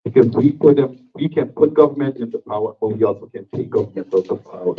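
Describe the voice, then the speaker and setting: A man's voice: mid-range voice, fast, husky. A man from Guyana, speaking up as an audience member at a community town hall, hesitant at first and then firm. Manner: hesitant with fillers, growing firm. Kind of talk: public comment at a community meeting. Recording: phone-like thin sound.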